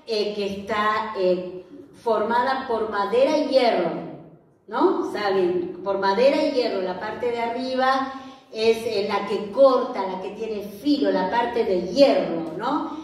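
A woman's voice: medium pitch, slow, a little mellow, recorded from a distance. Argentine woman preaching in an echoey room. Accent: Rioplatense Spanish. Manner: conversational, asks the audience questions. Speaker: pastor. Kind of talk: sermon.

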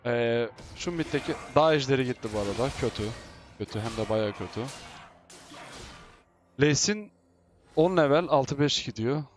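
Excitable man commentating gameplay. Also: mid-range voice, normal speed, long pauses, faint music behind. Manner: excitable, shouting and teasing while playing. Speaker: gaming YouTuber.

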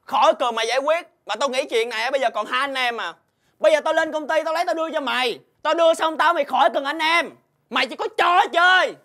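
A man's voice: on the high side, animated, fast talker. A young man, playing a hard-up student who defends himself in a quarrel, with music underneath. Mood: angry. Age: young adult. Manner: pleading, then heated and shouting. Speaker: student and part-time worker. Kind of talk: web sitcom acting.

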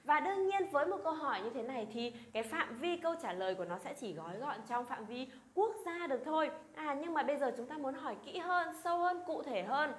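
A woman teaching a language lesson, drilling example phrases slowly and coaxing her students to repeat aloud. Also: sits high, animated, roomy sound, slight background noise. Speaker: Chinese teacher.

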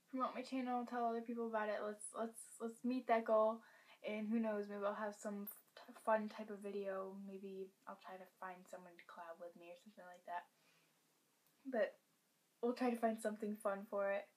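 A teenage girl giving a casual vlog update from home, speaking in a hushed half-whisper and rambling with fillers. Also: medium pitch. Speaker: pet vlogger.

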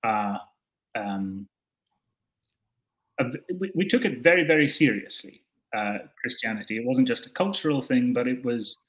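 Over a video call from home, a young Scottish man answers an interviewer in an animated, medium-pitched voice with a slightly bright tone. His pace is normal, but he leaves long pauses, hesitates thoughtfully, and fills gaps with fillers and restarts.

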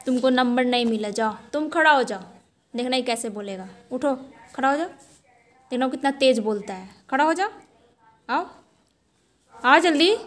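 A high-voiced woman, teaching children at a small home tuition class. She speaks in short, strict commands and keeps the class in line. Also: animated, normal speed, long pauses. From Jharkhand, India.

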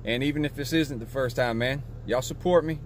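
A man's voice: medium pitch, brisk, slight background noise. A man talking casually to his viewers beside his car after an install, still a little out of breath, chatty and laid-back. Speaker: car vlogger. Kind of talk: casual how-to vlog outro.

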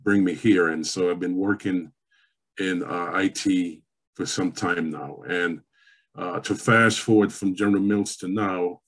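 A man's voice: low-pitched, steady tone. A man in his fifties, born in Jamaica and raised in New York, telling his background as a panelist in an online forum over a webcam call in a room at home. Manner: measured, reflective storytelling. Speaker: panelist, professor and pastor. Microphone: webcam on a video call.

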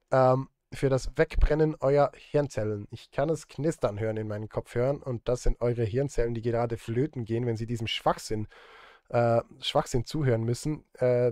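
A Swiss film composer in his thirties live streams from his desk setup, chatting casually as he works. In a dry, studio-quality recording, his medium-pitched, warm voice rambles and mutters with self-deprecating humor.

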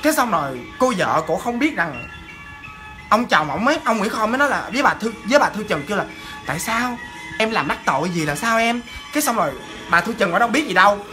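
A woman telling a ghost story in a chatty, animated way, talking straight to her listeners. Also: medium pitch, fast talker, faint music behind.

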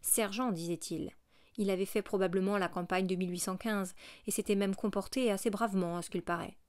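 A woman narrating a classic novel as an audiobook, in a measured, expressive reading. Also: medium pitch, no echo, clean studio sound.

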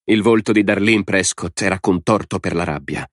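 A man reading an audiobook in a steady, measured narration. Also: low voice, no room sound, clean studio sound.

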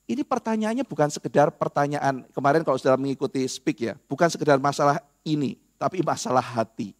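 Man with a high voice, chatty lecturer who keeps checking in with the class. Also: fast. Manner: animated, conversational, addresses listeners directly. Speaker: apologetics lecturer.

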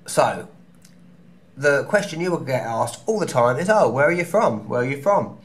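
Speaking in an animated, mid-range voice, this London travel vlogger in his thirties chats cheekily through his advice video with quick asides. He's in a small hotel room, holding the camera close at arm's length.

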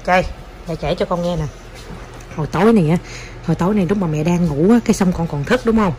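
A woman's voice: lowish voice, fast talker, dark tone, slight background noise. A woman with a Southern Vietnamese accent, a mother at home teasing and coaxing her toddler in a casual vlog. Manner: playful, teasing, coaxing baby talk.

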